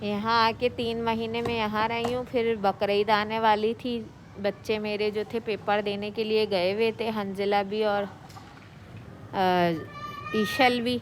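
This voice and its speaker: A woman's voice: mid-range voice, flat delivery, a little slow, a little hiss or hum. A middle-aged woman from Pakistan telling her own story in a chatty, rambling way for her vlog. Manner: chatty, rambling, repeats herself. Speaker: vlogger. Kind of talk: casual personal vlog storytelling.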